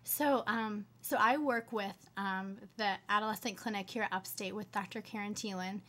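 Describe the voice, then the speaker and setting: A woman's voice: medium pitch, steady tone, moderate pace, a bit bright. A young woman in her twenties, a medical student answering interview questions earnestly with many fillers. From United States.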